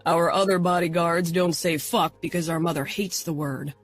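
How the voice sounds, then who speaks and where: A woman's voice: on the low side, fairly even intonation, normal speed, faint music behind, close to an everyday voice. A woman voicing a crude, cocky fourteen-year-old boy who drawls his lines.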